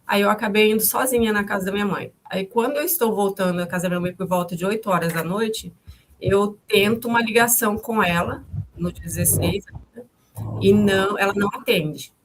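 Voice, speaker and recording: A woman in her fifties tells what happened in a halting testimony. She repeats and restarts her words often. Her voice sits at a middle pitch, with a faint hiss in the background. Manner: calls her own way of speaking harsh and loud. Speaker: mother of the victim, interviewee. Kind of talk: emotional testimony recounting events.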